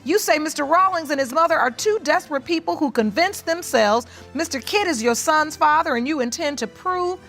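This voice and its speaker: A woman's voice: sits high, expressive, brisk, hardly any pauses, fairly bright tone, faint music behind. A woman acting as a TV court judge, formally questioning the people before her.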